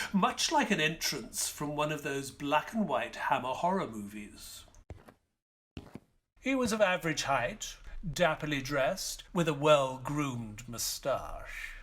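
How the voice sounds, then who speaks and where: An actor playing a polite, attentive doctor who is a detective's sidekick and tells the story in an audio play. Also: male voice, on the high side, very animated, unhurried, bright, forceful tone, heavily acted. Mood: suspenseful narration. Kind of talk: audio play acting and narration.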